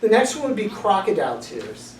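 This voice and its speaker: A man playing a pompous male professor who explains bogus word origins in a deadpan, confidently matter-of-fact way, in a comedy sketch. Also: high voice, fairly quick, noisy background. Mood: smug. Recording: echoey room, mic at a distance.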